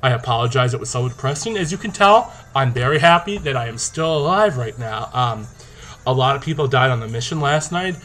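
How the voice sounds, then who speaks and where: A young man talking casually to camera in a video diary, playful, animated and boastful. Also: mid-range voice, fairly quick. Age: young adult. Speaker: video diarist in a zombie tag game. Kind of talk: casual vlog talk to camera. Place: small indoor room. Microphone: webcam or laptop mic at arm's length. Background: rock song playing.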